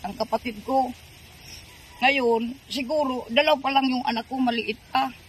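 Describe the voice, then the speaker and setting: This is an older woman with a very high voice who tells her story in halting, rambling bursts, full of fillers. She stays polite and adds respectful words. Faint noise sits under her. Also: fairly even intonation. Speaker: interviewee. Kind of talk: casual storytelling.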